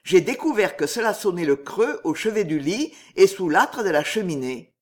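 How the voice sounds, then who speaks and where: Humble prison concierge, read by a man, deferential, astonished, fairly high voice, storybook reading. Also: sing-song, moderate pace. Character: humble old male prison concierge, awed and eager.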